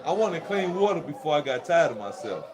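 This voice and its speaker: Man, high voice, profane rambling monologue, laughing, noisy recording, crowd chatter behind. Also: very animated, fairly quick. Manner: profane, rambling, laughs through his talk. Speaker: vlogger. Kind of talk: casual monologue to viewers.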